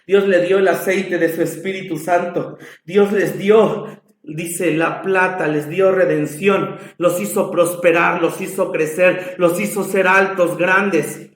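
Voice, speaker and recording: A man's voice: high-pitched, fairly even intonation, takes it slowly, echoey room. A man with a Mexican accent preaching a sermon in a church, dramatic and passionate in his storytelling. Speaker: pastor.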